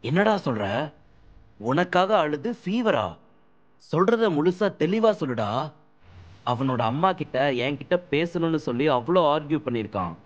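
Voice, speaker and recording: A man playing a hot-tempered young man who scolds his friend loudly and in exasperation, but cares, with music in the background. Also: a little high, lively intonation, lo-fi sound, natural voice. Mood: worried. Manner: loud, exasperated, rapid-fire scolding. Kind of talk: audiobook drama acting.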